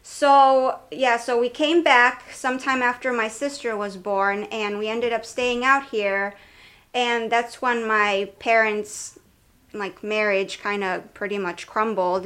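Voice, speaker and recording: A woman's voice: medium pitch, level tone, measured pace, fairly bright tone, clean tone. Young woman, from Romania, podcast guest, casual storytelling, fillers like "like". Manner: conversational, lots of "like" and self-corrections. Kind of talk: casual personal testimony.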